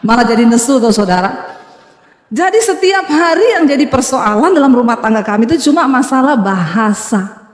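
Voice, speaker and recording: A high-pitched woman pastor with a Sulawesi Indonesian accent preaches to her congregation, telling stories with humour. Her voice echoes through a large church hall. The reverb hangs on long after each phrase. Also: expressive, moderate pace. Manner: humorous storytelling, addresses congregation. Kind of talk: sermon.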